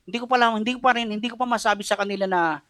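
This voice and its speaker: A man's voice: sits high, rapid-fire, fairly bright tone, clear, resonant tone, dry recording, studio quality. A middle-aged man with a Filipino accent preaching a radio sermon, telling a personal story with feeling and mixing Tagalog and English. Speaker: pastor.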